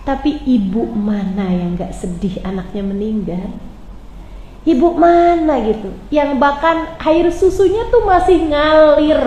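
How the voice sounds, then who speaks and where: A woman religious teacher tells a story in a loose, colloquial style and keeps turning to her listeners as friends. Her voice sits slightly high. The recording is echoey, with a faint hiss underneath. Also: darkish tone.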